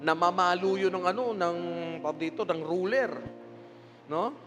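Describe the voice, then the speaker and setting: An older Filipino man preaching a sermon as pastor, telling stories with animated delivery and frequent laughter. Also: sits high, moderate pace. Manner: animated storytelling, laughs often. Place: church sanctuary. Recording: long hall reverb with music behind.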